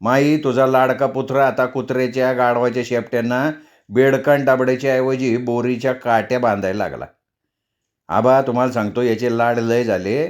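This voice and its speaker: A man's voice: medium pitch, fairly even intonation, normal speed, close to an everyday voice. A man voicing a mocking elder brother who tells tales, in a storybook reading. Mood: tattling. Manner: taunting, tattling.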